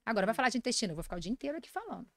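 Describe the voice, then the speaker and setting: A woman in her forties with a Brazilian Portuguese accent, a nutritionist and lecturer telling stories fast and with animation in a casual podcast interview. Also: a little high, sing-song, vocal fry, no echo. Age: 40s.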